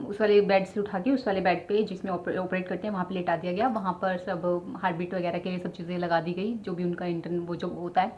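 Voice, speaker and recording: Speaking straight to viewers, a young woman vlogs about her childbirth, her personal story dotted with fillers. Her voice is mid-range, and the slightly dull, lo-fi recording carries faint ambience plus a little hiss or hum.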